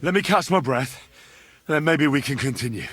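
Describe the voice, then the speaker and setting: A man's voice: mid-range voice, big pitch swings, normal speed, husky, faint music behind. An actor playing a blunt, wry young male hero in a video game, dry and skeptical. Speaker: game protagonist.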